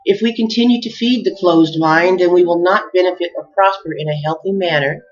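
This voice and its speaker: A woman giving an earnest, heartfelt spiritual message, measured and addressing her listeners warmly as beloveds. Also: lowish voice. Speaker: spiritual speaker. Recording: dull lo-fi recording with faint music.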